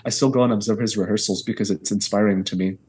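Low-pitched and darkish, his voice moves at a quick pace with fairly even intonation. He's a Houston-area Texan in his thirties, a guest choral conductor on a podcast, speaking earnestly and reflectively in long restarted sentences via earbuds on a video call from a small bedroom.

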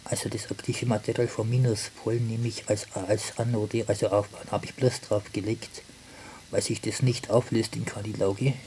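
A man giving casual commentary on his hands-on experiments, halting and thinking aloud, often repeating and rephrasing himself, recorded indoors on a handheld camera. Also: on the low side, little pitch movement, darkish tone, a little hiss or hum, low-quality recording. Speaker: hobby tinkerer presenting experiments.

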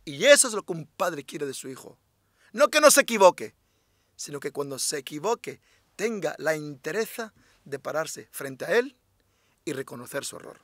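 A rabbi with a high, bright voice teaches a religious class at a normal pace, highly animated and emphatic. He reinforces ideas by repeating them and throws rhetorical questions at his listeners. The sound is close and dry, free of room echo.

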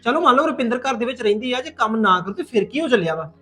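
A man's voice: extremely high pitch, expressive, racing, pushed and bright, soft background music, heavily acted. A man playing a son who argues with his mother to defend his sister. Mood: protesting. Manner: protesting, argumentative. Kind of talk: Punjabi family web drama.

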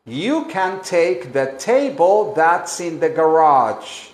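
Man, English teacher, slightly high voice, very slow and deliberate, echoey room. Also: very animated. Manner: slow, repeats phrases and drills pronunciation. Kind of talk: bilingual English lesson on a live stream.

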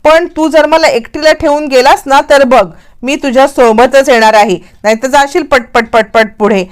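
A woman's voice: sits high, steady tone, normal speed, lightly acted. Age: young. Figure: a woman doing a feisty young wife. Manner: snappy, scolding retorts.

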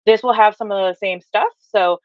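At a medium pitch and moderate pace, with no echo, a woman in her thirties from Hawaii gives an upbeat online training from home. As a workshop trainer she reads replies from the chat and uses many fillers. Her webcam or laptop mic yields dry, dull, lo-fi video call sound.

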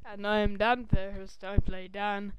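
A man's voice: high-pitched, flat delivery, measured pace, muffled recording, noisy background. A tipsy young man co-hosting a homemade show, silly and offhand. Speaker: co-host.

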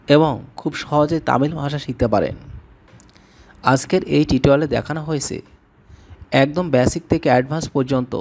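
A man who speaks Bengali as his first language, giving a scripted language lesson and slowly repeating each word with its meaning. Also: medium pitch, vocal fry. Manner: slow, repetitive word-by-word drilling. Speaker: language teacher.

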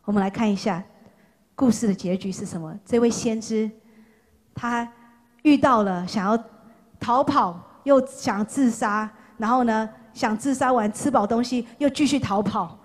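Speaking unhurriedly in a fairly high voice, a woman preacher delivers an impassioned sermon to young people. She repeats phrases for emphasis and swings between loud calls and hushed words.

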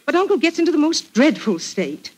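In a 1940s radio drama, an actress portrays a clever, self-assured, forthright Englishwoman with a British accent. Her high, sing-song voice is brisk and a little mellow, delivered crisply and directly in a grave, urgent mood.

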